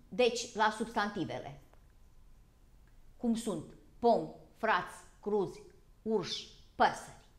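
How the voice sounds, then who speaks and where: A woman from Vojvodina with a local Romanian accent, teaching a school grammar lesson in a slow, deliberate way. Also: a little high. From Vojvodina, Serbia. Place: broadcast TV lesson.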